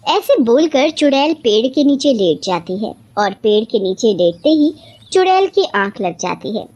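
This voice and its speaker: A woman narrates a cartoon bedtime story in a plain, steady way. Her voice is fairly high. She tells each scene simply and evenly. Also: measured pace, slightly rough, highs cut off.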